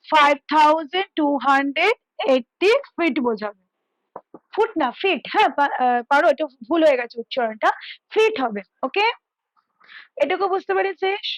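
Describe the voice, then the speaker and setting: Woman math tutor, high voice, dry close sound, patient step-by-step explainer on a headset call from home. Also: normal speed, a bit bright, no echo, poor audio. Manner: explains step by step, checks in often. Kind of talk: casual tutoring over a call. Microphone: headphones.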